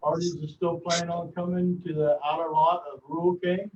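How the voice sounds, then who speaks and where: A mayor giving his report to a council, sounding distant and muffled as if speaking from inside a well over a call-in line, pausing often with filler sounds. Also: on the high side, level tone, a little mellow, a little hiss or hum. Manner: halting, many filler pauses. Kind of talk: administrative report at a council meeting. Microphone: remote call-in line.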